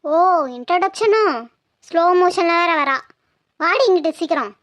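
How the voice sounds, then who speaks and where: A woman voicing a bossy, sharp-tongued old village grandmother with a Tirunelveli Tamil accent, scolding and giving orders in a cartoon. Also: extremely high pitch, expressive, normal speed, no echo. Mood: indignant. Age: older. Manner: scolding, commanding. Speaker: mother-in-law. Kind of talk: cartoon voice acting.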